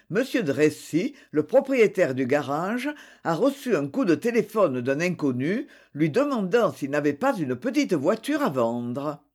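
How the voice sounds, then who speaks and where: A reader voicing a composed male prosecutor speaking in a measured, official manner in an audiobook. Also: medium pitch, a little mellow.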